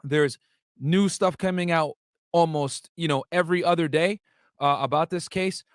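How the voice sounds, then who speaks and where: A man's voice: on the high side, moderate pace, no echo, clean studio sound. A young man from the United States hosting a casual livestream, talking to viewers with lots of fillers and asides. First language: Arabic. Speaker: livestream host.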